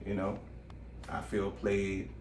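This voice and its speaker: Slow-talking co-host guy, jokes around a lot, far from the mic. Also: on the low side, completely flat delivery, darkish tone, a little hiss or hum. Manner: joking, laughs often. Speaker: podcast co-host. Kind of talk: casual chat. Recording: roomy, distant mic, faint music.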